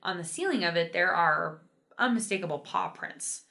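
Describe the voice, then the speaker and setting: Woman co-host, bright tone, chatty storyteller, casual podcast banter. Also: fairly low pitch, lively intonation, normal speed, creaky. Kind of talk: casual chat.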